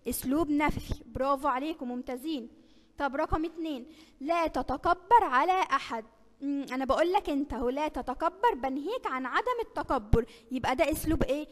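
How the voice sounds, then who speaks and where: Egyptian woman, primary teacher, fast and high, slight room reverb, quizzes kids as she explains. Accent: Egyptian Arabic. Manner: warm, coaxing teacher tone with many rhetorical questions. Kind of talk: recorded online lesson for children.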